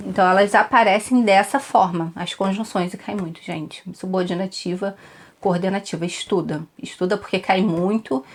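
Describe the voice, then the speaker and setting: A woman with a Brazilian accent giving an online exam-prep lesson, chatty and repetitive, often checking in with her students. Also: medium pitch. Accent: Brazilian Portuguese. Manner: chatty, repeats tips, frequent "tá?" check-ins. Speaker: Portuguese teacher for exam prep.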